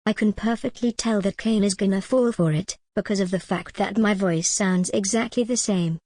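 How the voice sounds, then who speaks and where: A woman's voice: mid-range voice, normal speed, warm tone, no echo, lightly acted. A woman voicing a female plant-eating dinosaur from a children's show, in stiff, evenly worded cartoon dialogue. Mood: scheming.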